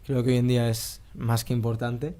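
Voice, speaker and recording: Mellow-voiced young Spanish student. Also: male voice, medium pitch, flat delivery, moderate pace. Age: 20s. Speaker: guest. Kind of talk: casual chat.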